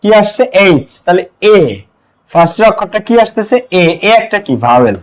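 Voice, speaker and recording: A man's voice: high-pitched, expressive, fairly quick, rough recording. A young man from Bangladesh teaching English grammar in a live online class, drilling students with repeated questions and answers.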